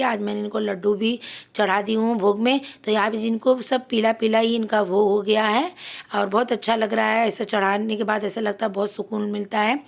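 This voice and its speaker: A woman with a hoarse throat narrating her daily household routine as a casual vlog voice-over, explaining each step. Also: medium pitch. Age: adult mother. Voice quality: gravelly. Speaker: vlogger.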